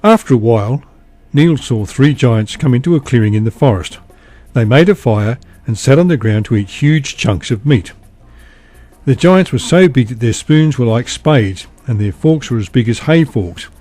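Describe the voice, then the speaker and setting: A man narrating a bedtime story in a calm, even reading voice. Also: medium pitch, normal speed, no echo, faint music behind.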